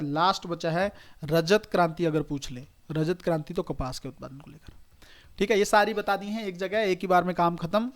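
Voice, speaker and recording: A male exam coaching teacher, giving a recorded online lecture in a conversational, repetitive way, often checking "okay" and telling students to write things down. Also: on the high side. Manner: addresses students directly, urging them to note things down.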